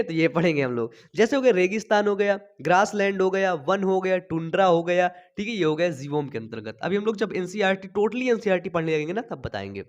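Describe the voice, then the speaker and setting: A young man teaching a biology class in from a small home studio, talking slowly after a cough and checking in with his students all the time. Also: high voice, dull audio. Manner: chatty, checks in constantly with "thik hai". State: recovering from a cough, speaking slowly. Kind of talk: online class lecture. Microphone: sensitive desk mic.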